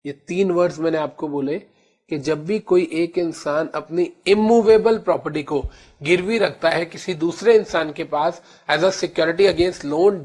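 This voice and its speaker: An Indian man teaching law in a lecture, calling his students children and slowly repeating key terms. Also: on the high side, husky. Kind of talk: classroom lecture in Hindi-English mix.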